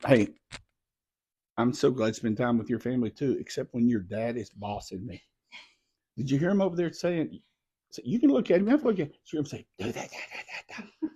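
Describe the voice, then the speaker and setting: A middle-aged man hosting a casual live video at home, playful and teasing with a child, often dropping to a soft hushed voice. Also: mid-range voice, lively intonation, fairly quick, long pauses, slightly rough.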